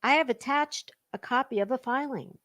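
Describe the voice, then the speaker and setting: A woman hosting a gossip commentary livestream gives a dramatic reading, layering on sarcastic, mocking commentary in a theatrical, sassy style. Her voice is high-pitched and a bit bright, at a moderate pace.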